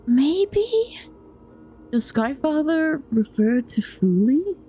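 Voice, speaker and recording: A woman's voice: high-pitched, sing-song, drawn-out words, mellow, soft background music. A woman giving casual let's play commentary, informally musing aloud as she plays and reads along. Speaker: gaming streamer.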